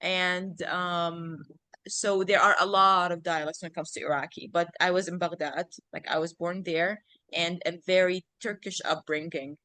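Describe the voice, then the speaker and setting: A woman in her thirties from Iraq, whose mother tongue is Arabic, guests on a podcast with a lowish, sharp voice, fairly even intonation and normal speed, recorded without echo. Her casual chat rambles, leans on fillers, and frequently corrects itself mid-sentence.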